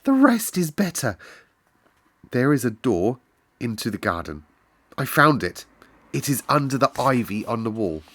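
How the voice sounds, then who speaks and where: A man's voice: mid-range voice, sing-song, unhurried, pauses often, fairly bright tone. A man voicing an earnest, bold young girl in a storybook, speaking with solemn, childlike directness. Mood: solemn excitement.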